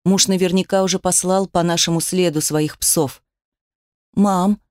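A woman's voice: on the low side, fairly even intonation, normal speed, a little mellow, dry recording. A woman reading a dramatic first-person audiobook, telling it with tense emotion on a close mic. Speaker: narrator.

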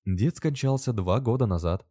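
A brusque young man, cocksure and mocking, who snaps out short lines with lively rises and falls, as a male reader puts him on. His voice is pitched a little above the reader's own. The recording is dry and close up. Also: normal speed, dry recording. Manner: curt, mocking, matter-of-fact.

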